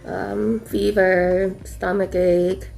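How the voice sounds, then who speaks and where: A woman's voice: medium pitch, level tone, very slow, gravelly, a little mellow, faint music behind, poor audio. A woman who is a patient, giving a casual diary update while unwell and a little short of breath. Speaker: patient vlogger.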